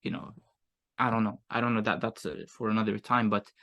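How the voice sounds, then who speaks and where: A man's voice: lowish voice, flat delivery, fairly quick, creaky, lo-fi sound. A young man with a Moroccan accent, telling his own story candidly in an interview in a reflective, casual way. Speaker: guest, agency owner.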